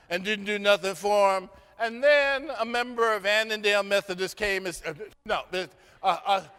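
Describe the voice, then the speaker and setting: Bright-voiced male preacher in a reverberant church. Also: high voice. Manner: animated storytelling, acts out characters. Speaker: guest preacher. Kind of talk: sermon. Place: church sanctuary.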